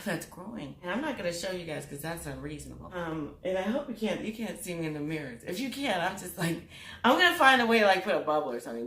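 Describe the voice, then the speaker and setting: Giggly chatty woman vlogger, low voice. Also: a bit bright. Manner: giggly, chatty, goes off on tangents. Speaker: vlogger and channel host. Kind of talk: casual chat to camera. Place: room with mirrors. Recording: echoey room.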